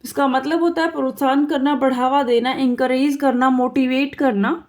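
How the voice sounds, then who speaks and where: A woman's voice: high voice, fairly even intonation, normal speed. A woman teaching English vocabulary for exam prep, explaining in Hindi with English terms and drilling words by repeating them in pairs.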